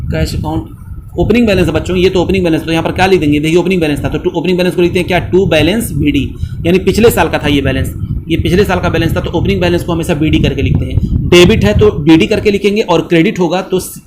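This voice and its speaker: Male commerce teacher, bantering lecture style, higher voice, faint hum behind. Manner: playful, answers his own questions in the students' voice; scolds teasingly. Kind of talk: classroom lecture.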